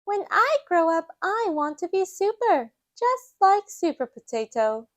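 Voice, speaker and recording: A woman voicing an excitable, earnest little girl pig in a children's storybook, childlike and full of exclamation. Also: very high-pitched, unhurried, dry recording, clean studio sound, pitched above the performer's own voice, heavily acted. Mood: excited, admiring.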